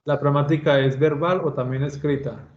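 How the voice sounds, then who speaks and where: A man's voice: mid-range voice, fairly even intonation, moderate pace. A man, a student, asking his teacher a question in an online class. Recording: muffled roomy call audio with faint noise.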